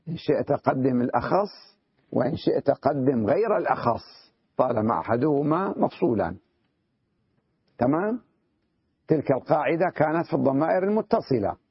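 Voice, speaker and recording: A man teaching an Arabic grammar lesson, explaining patiently, checking that students follow, and slowly sounding out wrong word forms to contrast them. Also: fairly high pitch, husky, no echo, dull audio. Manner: explains patiently, checks understanding with repeated questions.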